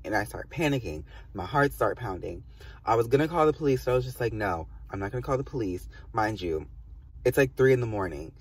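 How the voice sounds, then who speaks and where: A man's voice: lowish voice, husky, recorded from a distance. A man telling a storytime to his viewers in a casual, rambling and profane way, full of fillers and asides. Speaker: vlogger.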